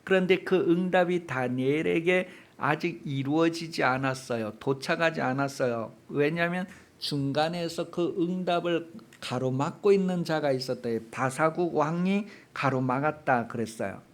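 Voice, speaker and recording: A man's voice: on the high side, normal speed, few pauses. A male pastor preaching an emphatic sermon, asking the congregation rhetorical questions and raising his voice for emphasis.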